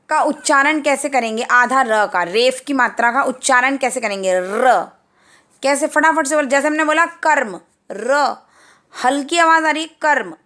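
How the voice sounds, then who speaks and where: A high-voiced woman teaches grammar to young children at a slow, unhurried pace. She explains patiently and says each example word again and again, drawing the sounds out so they can be heard clearly. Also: sharp tone. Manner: patient, repeats words slowly for children. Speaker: Hindi teacher.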